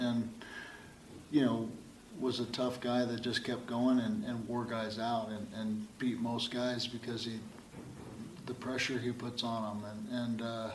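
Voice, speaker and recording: A male fighter answering interview questions in a halting way, with many fillers and repeated words. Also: mid-range voice, darkish tone. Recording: echoey and distant with faint noise.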